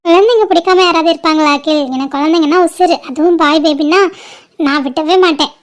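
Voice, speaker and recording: A woman plays a cheerful young cartoon aunt with a very high, piping voice. She talks in a chatty, affectionate way that fits animated family dialogue. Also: fast, close to an everyday voice. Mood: fond.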